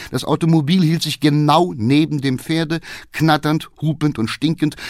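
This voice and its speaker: A man reading a novel aloud as an audiobook narrator, in an expressive storytelling manner. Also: medium pitch, dry recording, studio quality. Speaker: audiobook reader. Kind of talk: scripted literary narration.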